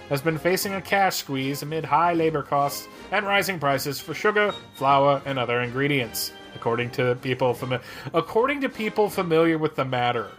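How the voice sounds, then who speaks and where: A man putting on the voice of a 1940s newsreel announcer, declaiming a news item in a grand, brisk manner. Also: a little high, a bit bright, natural voice. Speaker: podcast co-host. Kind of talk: mock old newsreel reading.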